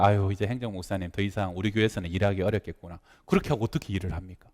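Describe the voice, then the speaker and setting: A male pastor preaching a sermon, telling stories with acted quotes, jumping from loud outbursts to hushed asides. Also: fairly low pitch. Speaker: senior pastor. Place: church sanctuary. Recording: long hall reverb.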